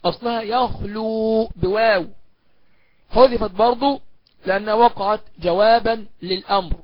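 A man with an Egyptian accent teaching Quran recitation in a recorded course, asking and answering his own questions and slowing down to recite examples. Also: high voice, no room sound, lo-fi sound. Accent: Egyptian Arabic. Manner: slows down to recite verse examples. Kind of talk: recorded online course lecture.

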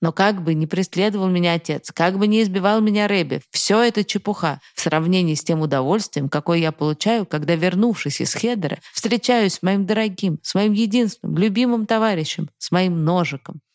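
Calm reader with a dry, close sound. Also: mid-range voice, a little fast, hardly any pauses, no room sound. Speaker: podcast co-host and reader. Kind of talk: reading a story aloud and discussing it.

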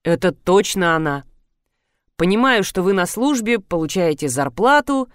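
A woman narrating an audiobook in a brisk, expressive first-person telling. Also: fairly low pitch, no room sound, studio quality. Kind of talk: audiobook reading.

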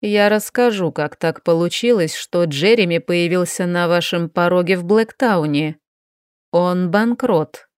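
A woman voicing a cold, menacing middle-aged male mage who talks in a slow, commanding way. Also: fairly low pitch, smooth, dry recording, studio quality, lightly acted.

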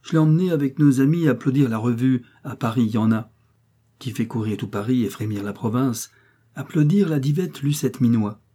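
A man's voice: medium pitch, fairly quick, mellow, husky, pitched above the performer's own voice, natural voice. A man voicing a suave young male count who talks with polished, courteous irony. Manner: polished, courteous, slightly ironic.

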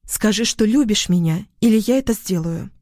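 A man voicing a volatile, clingy young woman in an audiobook, given to shrill screaming outbursts. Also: expressive, moderate pace, darkish tone, dry recording, studio quality. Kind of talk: audiobook character voice.

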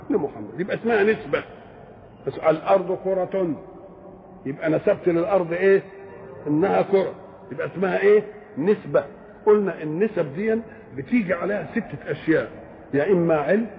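A high-pitched, gravelly man with an Egyptian Arabic accent gives a religious lecture. He asks his own questions, then answers them, and recites verses slowly. The sound is tinny and phone-like, with a faint hiss. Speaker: Quran commentator.

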